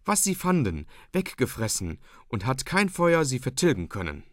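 A man's voice: mid-range voice, huge pitch swings, normal speed, fairly bright tone, dry recording, studio quality. A man voicing a breathless young maid who urgently tells of dire omens. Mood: anxious, urgent.

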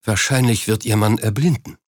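A man reading an audiobook, voicing a hospital doctor in a measured, sober manner. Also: on the low side, no room sound, studio quality, close to an everyday voice. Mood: grave. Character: grave, formal male hospital doctor.

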